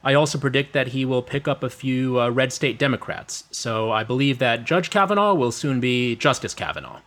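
A man giving measured commentary as an interview guest. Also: medium pitch, animated, a bit bright. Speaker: legal commentator, podcast guest.

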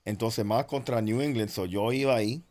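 A man in a casual sports chat, telling a lively anecdote in a laughing manner. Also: medium pitch, normal speed.

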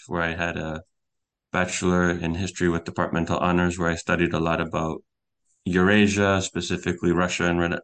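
This is a young American man appearing as a guest journalist in a podcast interview. His voice is low and flat as he explains, earnestly, with little restarts along the way.

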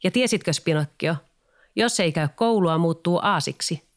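A man's voice: fairly high pitch, close to an everyday voice. Man doing a teasing magic cricket. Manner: teasing, lecturing.

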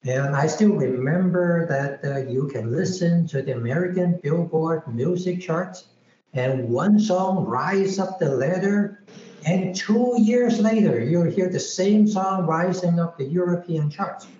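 Man, high and mellow voice, measured short answers, echoey muffled Skype call. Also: slight background noise. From Hong Kong. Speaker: guest artist. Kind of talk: interview answers.

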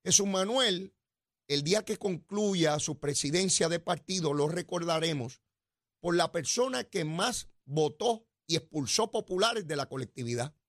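An older Puerto Rican man holds forth on a radio talk show, his fairly high voice bouncing between loud exclamations and muttered asides. He teases and editorializes with a commentator's swagger. The sound is close and dry, with no room in it. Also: no room sound. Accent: Puerto Rican Spanish. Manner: animated, teasing, swings between loud exclamations and low asides. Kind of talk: political commentary monologue.

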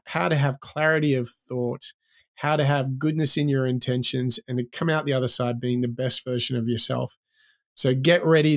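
A man co-hosting a podcast in conversation, with a nasal, pinched-nose sound from recovering from the flu. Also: medium pitch. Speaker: podcast co-host.

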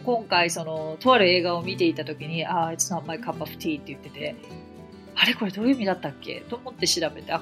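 A woman's voice: medium pitch, a bit bright. Woman from japan teaching english on a podcast, bouncy up and down voice, friendly encouraging explainer. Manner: chatty, encouraging, explains with examples.

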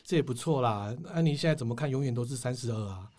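A man's voice: medium pitch, fast talker, darkish tone. A man with a Taiwanese Mandarin accent hosting a casual interview, chatty and supportive with frequent agreeing interjections. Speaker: interview host.

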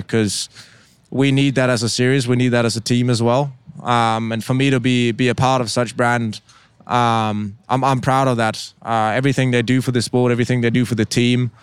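A young man from Denmark, a racing driver, answering interview questions in a halting way with many repeated words and ums; his first language is Danish. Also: mid-range voice, clear, resonant tone, no room sound.

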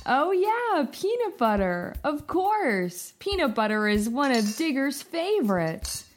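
A woman hosting a children's story podcast, talking to the listener in a bright, encouraging, sing-song way, with music playing behind. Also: sits high, very animated, takes it slowly. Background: background music.

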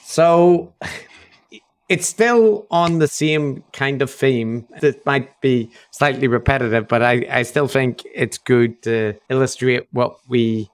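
A man's voice: medium pitch, takes it slowly, smooth. A man co-hosting a podcast, talking things through with fillers and the odd swear. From Northern Ireland. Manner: thoughtful, many fillers, swears casually. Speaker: podcast co-host. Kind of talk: casual discussion.

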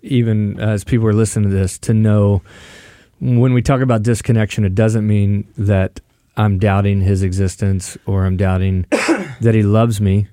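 Low, mellow-voiced man in his forties. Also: level tone, moderate pace, smooth, no room sound, studio quality. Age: 40s. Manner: joking, thoughtful, with fillers. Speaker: podcast guest. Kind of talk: casual chat.

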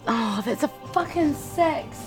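A woman's voice: high voice, animated, slow. Sweary emotional gamer woman, voice all over the place, music playing. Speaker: player in a tabletop game podcast. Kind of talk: casual excited game banter.

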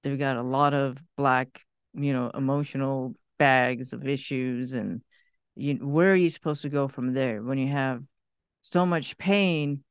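A man from Iran, a podcast guest, telling his life story in an earnest, candid way with some halting starts. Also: medium pitch, fairly even intonation, smooth, dry recording. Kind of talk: personal story, conversational.

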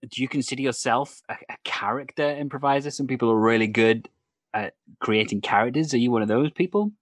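A man's voice: medium pitch, fairly quick, no room sound. A man hosting a casual interview, chatting and asking questions. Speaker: interview host, improviser.

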